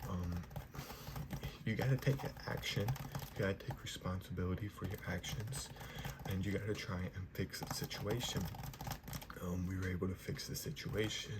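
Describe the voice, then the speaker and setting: A young man giving a whispered ASMR pep talk in a soft, reassuring manner. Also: sits low, fairly even intonation, moderate pace. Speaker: ASMR creator giving positive affirmations. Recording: noisy, clear background hiss.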